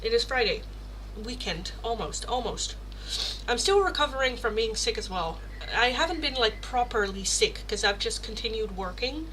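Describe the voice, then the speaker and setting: A woman in her thirties chats live with her viewers in a loose, self-mocking way, laughing often and swearing without a second thought. Her voice sits a little high and sounds bright and sharp. There is a faint hum of room ambience behind her. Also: expressive, normal speed, rough recording. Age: 30s. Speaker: tarot livestream host. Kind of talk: casual live-stream chat answering viewer questions.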